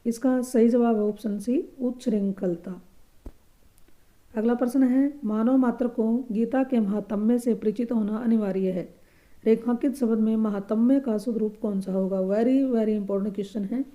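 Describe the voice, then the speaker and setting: A woman teaching a grammar lesson for exam preparation, patiently explaining answers and repeating each correct word slowly and softly. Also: fairly high pitch, steady tone.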